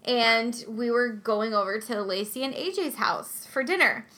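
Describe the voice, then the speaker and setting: A young woman co-hosting a casual chat podcast, a new mother telling stories in a giggly, animated way. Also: on the high side, a little slow.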